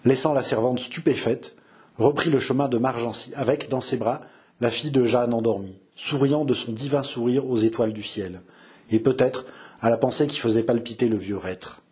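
A man reading a historical novel aloud in a measured, dramatic storytelling style. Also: medium pitch, fairly even intonation, darkish tone, slightly rough. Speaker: audiobook reader. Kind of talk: scripted narration of a historical novel.

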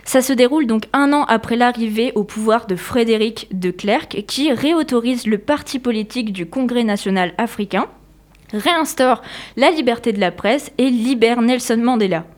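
Chatty woman presenting a history segment. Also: on the high side. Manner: chatty, explanatory, many hesitations. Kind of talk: casual spoken history presentation.

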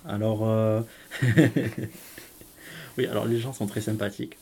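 A young adult man with a southern French accent answers interview questions as an English teacher. His voice sits very low and sounds dark and mellow, and he talks in an easygoing, halting way. Faint noise hangs behind him. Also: little pitch movement, vocal fry. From south of France.

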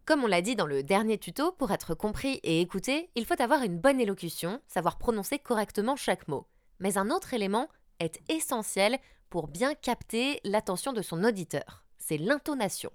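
Woman, radio tutorial host, very animated pitch, dry close sound, talks straight to you. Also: moderate pace, dry recording. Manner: lively, addresses the listener directly, models intonation. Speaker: radio journalist teaching a tutorial. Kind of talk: upbeat scripted tutorial narration.

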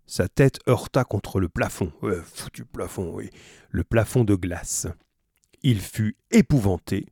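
A man reading a novel aloud, steady narration broken by playful, joking asides to his listeners. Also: fairly low pitch, no room sound, studio quality. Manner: playful, breaks off to joke and comment. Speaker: audiobook reader.

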